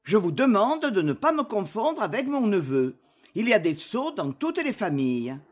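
A woman reading aloud, voicing a gruff, blustering old gentleman with a husky, lowered voice. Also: very animated, normal speed. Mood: approving.

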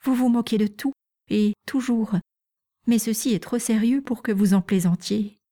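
A woman voicing a spirited, impulsive young girl in an audiobook, eager and quick to take offense. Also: on the high side, mellow, pitched above the performer's own voice, natural voice.

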